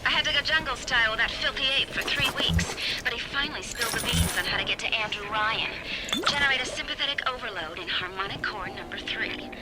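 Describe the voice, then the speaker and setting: A woman's voice: fairly high pitch, expressive, fast talker, close to an everyday voice. An actress playing a sardonic, tough-talking woman recording a wisecracking audio diary in a video game. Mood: wry. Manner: wry, slangy, wisecracking. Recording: noisy recorded audio log.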